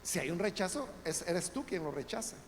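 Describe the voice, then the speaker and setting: A man pastor, giving a conversational Bible study sermon in a church, often calling listeners brothers and building to loud emphatic peaks. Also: high voice, sing-song, a little fast. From El Salvador. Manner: conversational preaching, addresses listeners as brothers, frequent tag questions. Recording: reverberant church hall, faint background noise.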